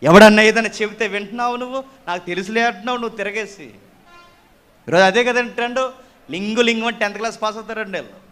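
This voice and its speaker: Guy preaching a sermon, scolding hard, very clear crisp voice, loud bursts of emphasis. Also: high-pitched, fast talker.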